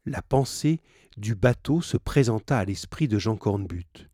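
A man reads a novel aloud, slowly and with a lively, wide-ranging pitch. His voice is low and husky, and he pauses to restate difficult words simply. The sound is close and dry. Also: no echo. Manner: pauses to restate hard words in plain terms. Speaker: reader of a novel.

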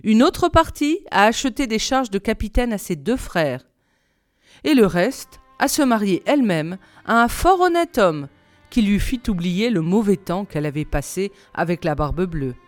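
A woman reading a classic fairy tale aloud, clear and expressive. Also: mid-range voice, normal speed, soft background music. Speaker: reader.

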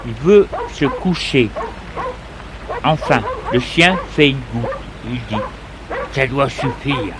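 Man, storybook reading, slow, deliberate, slightly high, noisy recording. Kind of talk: storybook read-aloud. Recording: steady background noise.

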